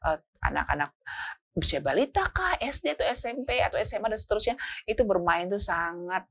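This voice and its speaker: A middle-aged woman speaking as a child psychologist guest, giving animated parenting advice and acting out little scenes between parents and children. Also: medium pitch, a little fast, vocal fry. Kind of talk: casual talk show advice.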